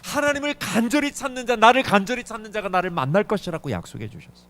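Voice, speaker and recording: Middle-aged pastor guy preaching, high voice that jumps all over, really pressing every point. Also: lively intonation, quick pace, a bit bright. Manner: emphatic, swings pitch up and down for emphasis. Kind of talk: sermon. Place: church sanctuary.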